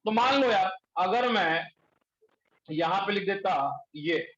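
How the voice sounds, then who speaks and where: A male chemistry teacher lecturing a class in speech, quizzing students and pushing them to answer quickly. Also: high-pitched, fairly bright tone. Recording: echoey room, dull lo-fi sound.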